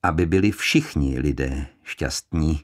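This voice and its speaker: A man voicing a cautious, hesitant male detective, pausing with little "eh" sounds. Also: rumbling low, voice pushed down.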